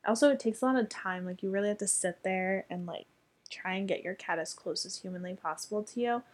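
A woman's voice: medium pitch, a little fast. A young woman telling a story in casual chat, chatty and full of fillers, with casual swearing.

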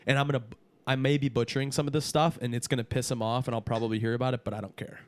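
A man's voice: mid-range voice, little pitch movement, very fast. A man chatting casually on a podcast as a guest, peppering his talk with "dude". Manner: casual, says dude a lot.

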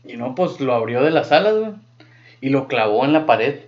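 A man with a Mexican Spanish accent telling a joke in a relaxed, slangy way. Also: mid-range voice, normal speed. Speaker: podcast co-host telling jokes. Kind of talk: casual joke-telling chat. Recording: dull lo-fi sound.

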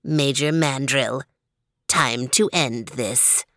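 Storybook villain: purring evil tomcat mastermind, deep and drawn out, read by a woman. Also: a bit bright, dry recording, studio quality, heavily acted. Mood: gloating villainy. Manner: purring, gloating, slow and menacing. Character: sly evil male cat criminal mastermind.

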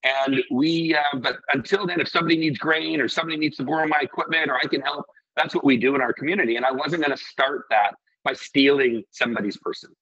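A man's voice: medium pitch, quick pace, hardly any pauses, fairly bright tone, slightly rough, dull audio. A middle-aged man from Iceland who owns a restaurant and brewery, talking casually in an interview, rambling and earnest with many restarts.

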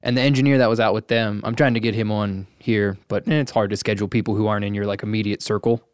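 A man's voice: fairly low pitch, fairly even intonation, fast, clear, resonant tone, dry recording, studio quality. A man hosting a podcast, talking casually about audio work, with lots of like as filler. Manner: casual, heavy use of like. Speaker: podcast host and audio tech.

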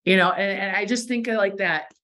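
A woman's voice: medium pitch, fairly even intonation, a little fast, pushed and bright. A woman giving a motivational talk to a sales team, emphatic and repeating phrases for effect, with a bit of morning voice. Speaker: direct sales team leader.

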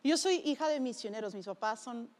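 A middle-aged woman from Mexico giving a sermon, telling a family story in a lively way and acting out the voices of her family. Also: a little high, brisk. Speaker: preacher.

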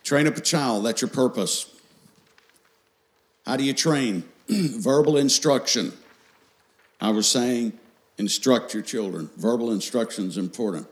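A man's voice: mid-range voice, unhurried, long pauses. Folksy middle-aged man teaching parents. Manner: folksy, quotes scripture, checks in with the audience. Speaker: parenting seminar speaker.

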